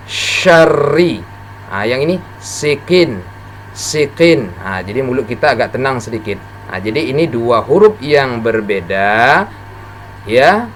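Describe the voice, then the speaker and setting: A man's voice: mid-range voice, fairly bright tone, a little hiss or hum. A man teaching children how to recite, patiently modelling sounds for them to repeat. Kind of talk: Quran recitation lesson for children.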